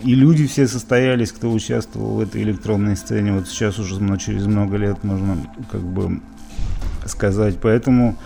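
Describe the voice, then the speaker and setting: Low, mellow-voiced Russian man reminiscing. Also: fairly even intonation, normal speed, gravelly, faint music behind. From Izhevsk, Russia. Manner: rambling, many fillers and restarts. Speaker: interviewee, musician. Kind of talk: casual interview reminiscing.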